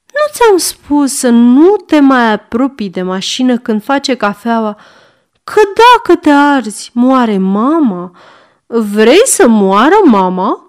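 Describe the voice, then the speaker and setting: A woman's voice: fairly high pitch, sing-song. A woman voicing a fussy, doting mother who chats gushingly in a storybook reading. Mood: scolding fondly. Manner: gushing, fussy, fond of her son. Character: doting, fussy middle-aged mother, chatty lady.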